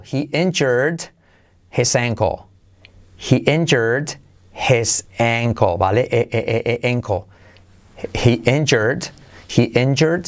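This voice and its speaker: Lively man teaching English in Spanish. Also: mid-range voice. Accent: Spain. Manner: lively, playful, repeats words for drilling. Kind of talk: podcast lesson.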